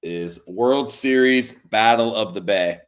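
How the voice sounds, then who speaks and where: A man co-hosting a sports betting podcast in casual chat, blunt and dismissive with a deadpan, teasing manner. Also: lowish voice, slow.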